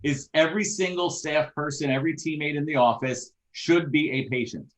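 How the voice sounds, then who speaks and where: A man's voice: a little high, brisk. Man telling analogies in an echoey room. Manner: explains with vivid analogies. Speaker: chiropractic practice coach. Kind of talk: casual livestream discussion.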